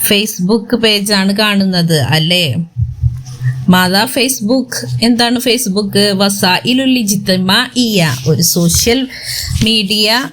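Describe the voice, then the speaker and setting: A woman teaching an online class, slowly explaining a story line by line and mixing in English words. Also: mid-range voice, fairly bright tone.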